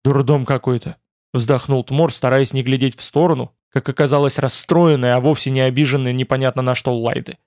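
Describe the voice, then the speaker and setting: Male narrator, middle pitch, steady read, dry close mic. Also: fairly quick, few pauses, dry recording. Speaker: audiobook narrator. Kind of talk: scripted narration.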